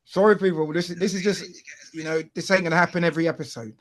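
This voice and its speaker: A man's voice: on the high side, steady tone, quick pace. A man hosting a casual podcast interview, chatty and full of fillers, often asking "you know what I mean". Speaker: podcast host.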